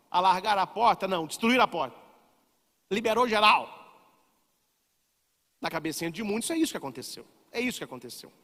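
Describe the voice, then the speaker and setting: Animated preaching priest, high lively voice. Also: male voice. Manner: animated, dramatic preaching that acts out quoted voices. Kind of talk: sermon. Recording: long reverb of a large hall.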